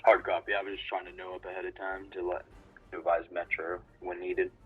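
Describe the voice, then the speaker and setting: A man's voice: deep voice, flat delivery, fairly quick, slightly rough, faint music behind. A man speaking over a radio in clipped dispatch jargon for a game roleplay. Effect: heard over a radio. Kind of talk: radio procedure talk. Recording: dull lo-fi radio audio.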